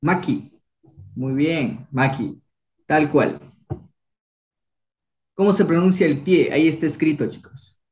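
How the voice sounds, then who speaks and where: A man's voice: on the high side, takes it slowly, long pauses, a little mellow, dull audio. Upbeat young man quizzing a class. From Ecuador. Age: young adult. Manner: encouraging, coaxing questions. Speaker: Kichwa language teacher. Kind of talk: online class, quizzing students.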